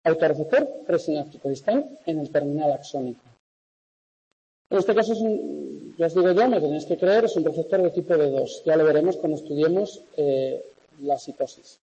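Echoey, high-pitched male lecturer from Spain. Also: expressive, a little fast, mellow, husky. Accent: Spanish from Spain. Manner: conversational, checks understanding often. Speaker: university lecturer. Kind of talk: interactive lecture to class and remote students. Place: large echoey classroom. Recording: echoey classroom, long reverb, dull sound.

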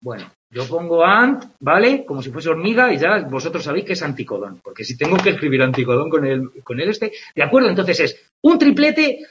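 A man with a Spain Spanish accent giving an online biology class. His voice sits high and swings through a lively pitch range as he jokes about his drawings and keeps checking in with students. The sound is a touch dull and lo-fi. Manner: conversational, checks in with "¿vale?" and "¿de acuerdo?"; explains with playful comparisons. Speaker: biology teacher. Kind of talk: online lecture with on-screen drawing.

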